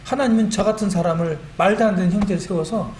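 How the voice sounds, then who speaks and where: A middle-aged man giving a church testimony, animated and self-deprecating, recorded in a church meeting hall. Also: high voice, quick pace. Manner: animated and self-deprecating, quotes his own prayers. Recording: echoey hall with faint room noise.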